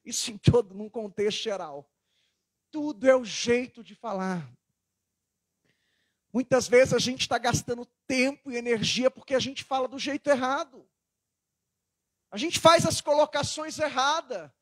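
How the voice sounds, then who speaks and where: High-voiced pastor preaching. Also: male voice, unhurried, long pauses, no echo. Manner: conversational preaching with sudden emphatic stresses. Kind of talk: sermon.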